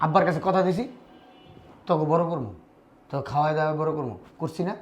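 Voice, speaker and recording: A man's voice: sits high, quick pace, highs cut off, natural voice. A man playing a domineering older brother who scolds and dismisses his younger brother. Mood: dismissive.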